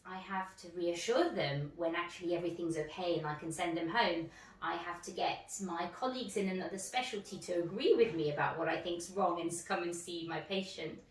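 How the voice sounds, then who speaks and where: A woman in her thirties from France, an emergency doctor talking to camera about her career in an upbeat, chatty way. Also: on the low side. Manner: upbeat, chatty, quick asides. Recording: roomy, distant mic.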